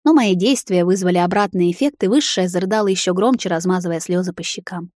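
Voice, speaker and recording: Calm lowish female audiobook narrator. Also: fast, no echo, clean studio sound. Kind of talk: scripted first-person narration.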